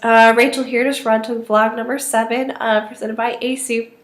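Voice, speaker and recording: A woman's voice: on the high side, little pitch movement, normal speed, a little hiss or hum. Thin, weak-voiced young woman, hesitant. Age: 20s. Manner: hesitant, tentative, thinking aloud. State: weak voice today. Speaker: student vlogger. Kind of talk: casual spoken video response to a classmate. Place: small indoor office or study. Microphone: webcam or laptop microphone at arm's length. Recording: roomy, echoey webcam sound.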